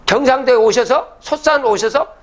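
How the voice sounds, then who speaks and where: High-voiced older Korean man lecturing. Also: moderate pace. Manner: chanting old verses then explaining, rhetorical questions. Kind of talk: public lecture.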